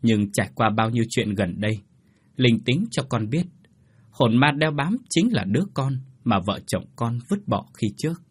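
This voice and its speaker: A man voicing a remorseful young wife, pleading softly. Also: medium pitch, lively intonation, moderate pace, breathy edge, no echo.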